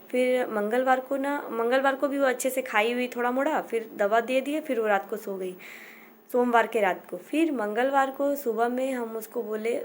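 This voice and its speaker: Higher-voiced woman. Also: slight background noise. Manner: halting, circles back, repeats herself. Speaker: mother telling her family's story. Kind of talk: personal storytelling.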